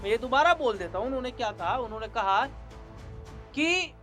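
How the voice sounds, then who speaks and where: A man's voice: very high-pitched, lively intonation, a little fast, pushed and bright. A man presenting a news report, emphatic, repeating points and asking rhetorical questions. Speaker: news anchor. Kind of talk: news commentary. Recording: faint background music.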